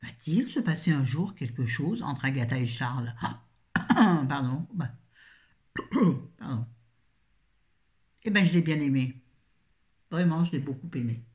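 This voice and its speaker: A woman's voice: low-pitched, animated, takes it slowly, pauses often, darkish tone. A middle-aged woman from France talks through her latest reads in a loose, casual way. She rambles, restarts her sentences and throws in little jokes as she goes. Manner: chatty, rambling, self-correcting, jokey asides. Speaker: book reviewer. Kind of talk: casual book review chat.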